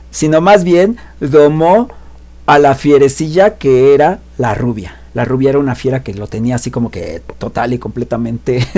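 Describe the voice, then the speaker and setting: Chatty man retelling a story. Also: mid-range voice. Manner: chatty, animated, frequent tag questions. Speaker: literature video host.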